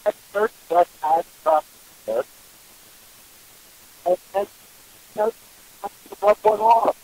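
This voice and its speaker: A man's voice: sits high, crowd noise, poor audio. Man on a glitchy call that keeps cutting out. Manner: halting, with stammered restarts. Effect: glitchy call audio that keeps cutting out. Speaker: co-host on a paranormal talk show. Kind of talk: casual chat over an online call.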